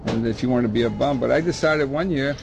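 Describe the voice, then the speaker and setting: An older man with a gravelly, creaky voice, recalling his past in a long, rambling interview. He often restarts and repeats words. A vehicle can be heard faintly behind him. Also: medium pitch, quick pace. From Dominican Republic. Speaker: baseball scout. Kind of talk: oral history interview.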